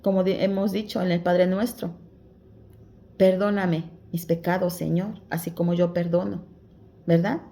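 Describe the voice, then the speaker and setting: Gravelly low-voiced woman preaching. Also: level tone, unhurried. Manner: exhorting, addresses listeners as dear ones; gentle diminutives, simple conversational preaching. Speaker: Bible study teacher. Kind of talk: devotional Bible explanation.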